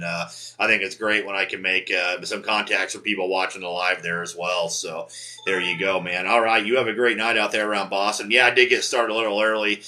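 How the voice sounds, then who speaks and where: A man on the air at his home ham radio station, chatting casually and warmly with the people who call in. His voice sits a little low but has a very bright, forward edge. He signs off slowly, spelling out call signs. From Montana. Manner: friendly, drawn-out sign-offs with repeated "Roger, Roger".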